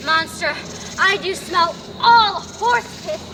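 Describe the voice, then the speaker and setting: A woman's voice: very high-pitched, slow, heavily acted. A woman playing a foolish, grumbling drunken jester on stage, declaiming in archaic English. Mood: indignant. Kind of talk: live stage performance of Shakespeare. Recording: noisy live outdoor stage recording.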